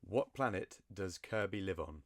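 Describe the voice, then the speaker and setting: A man's voice: low-pitched, expressive, moderate pace, dry recording, clean studio sound. Playful giggly man hosting a quiz. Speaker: quiz host. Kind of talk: casual podcast quiz.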